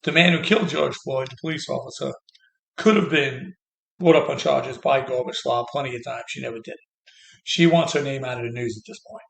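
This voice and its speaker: A man's voice: medium pitch, fairly quick, vocal fry, fairly bright tone. A man delivering a heated, sarcastic political rant as a commentator. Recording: echoey room.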